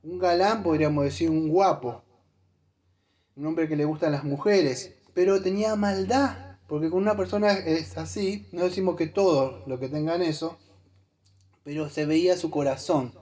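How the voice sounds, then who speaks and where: A man delivers a sermon in a church, his voice somewhat high for a man yet warm and soft-edged. He preaches conversationally, calling directly to his listeners. He often stops to think aloud and search for Bible verses. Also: normal speed. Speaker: pastor.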